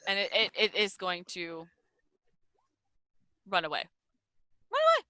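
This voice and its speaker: Bright-voiced woman running a tabletop game. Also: on the low side, fairly even intonation, measured pace, clear, resonant tone, no echo. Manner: chatty, playful rules explanations. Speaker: game master.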